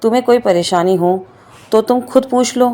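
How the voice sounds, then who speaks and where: A woman's voice: a little high, slow pace, mellow, voice pushed up. A woman voicing a young husband who brushes off a question in a read-aloud story. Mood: evasive. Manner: dismissive, brushing it off. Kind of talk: storybook reading.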